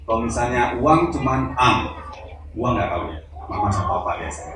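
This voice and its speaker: A man's voice: medium pitch, lively intonation, moderate pace. Joking male seminar speaker in an echoey hall. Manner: joking, addresses audience directly, acts out examples. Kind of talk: live seminar talk to an audience. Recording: echoey hall, voice from far off, noisy.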